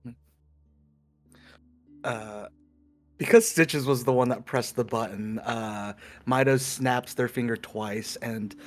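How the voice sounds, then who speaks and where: Man player, halting, slow, fillers, faint music behind. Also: medium pitch. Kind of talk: narrating character actions in a tabletop game.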